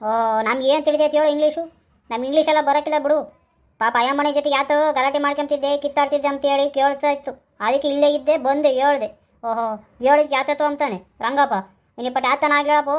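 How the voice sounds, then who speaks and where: Woman as male village neighbor, chiding, earnest, high voice, quick delivery, comic skit. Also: level tone, natural voice.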